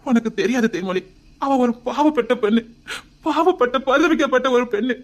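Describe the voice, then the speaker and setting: Homemade drama role: a doting young husband with a Tirunelveli accent, soft and coaxing, higher-pitched, played by a woman. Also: animated, a little fast, natural voice. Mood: earnest. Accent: Tirunelveli Tamil. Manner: tender, pleading, often near a whisper.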